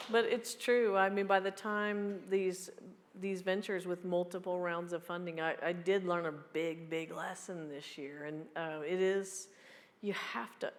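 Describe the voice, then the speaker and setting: A woman in her fifties fields audience questions at a live meeting. She talks in a blunt, joking, quick way, and her voice carries a long reverb from the hall. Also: lowish voice. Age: 50s. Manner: blunt, joking, fast-talking. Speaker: keynote speaker. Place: large hall.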